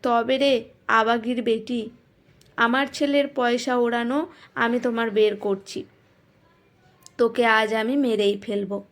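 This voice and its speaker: A woman voicing a furious, sickly old mother-in-law who shouts threats while panting. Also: fairly high pitch, steady tone, slow pace, pauses often.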